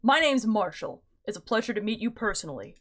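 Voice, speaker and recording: A woman voicing a calm, secretive man who leads a hidden band of office rebels in a game, speaking in a measured, conspiratorial way. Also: medium pitch. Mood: hushed formal.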